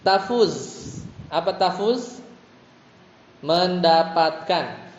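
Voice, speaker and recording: Slow Indonesian male tajwid teacher. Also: high-pitched, expressive. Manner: patient, explains each letter and rule step by step, sings verses for the class to repeat. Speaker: Quran recitation teacher. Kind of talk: tajwid lesson with call-and-response chanting. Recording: dull, roomy hall recording.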